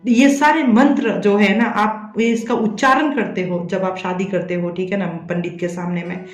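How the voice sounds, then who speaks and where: A woman's voice: mid-range voice, steady tone, normal speed, faint music behind. Female tarot reader, a mid-range voice, coaxing and repetitive, recorded in an echoey room. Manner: coaxing, repeats a tag question to check the listener follows. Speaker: tarot reader and psychic medium. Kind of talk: addressing viewers directly in a tarot reading.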